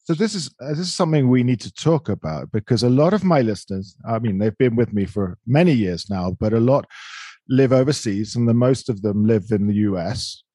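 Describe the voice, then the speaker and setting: A man's voice: medium pitch, expressive, a little fast, warm tone, breathy edge, no room sound. A man hosting a podcast interview, chatty and self-deprecating, with plenty of fillers. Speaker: podcast host. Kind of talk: casual interview talk.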